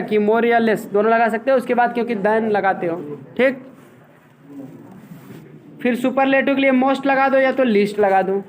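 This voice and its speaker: A man teaching a grammar lesson, explaining step by step and checking in with his students. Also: extremely high pitch. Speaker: English teacher.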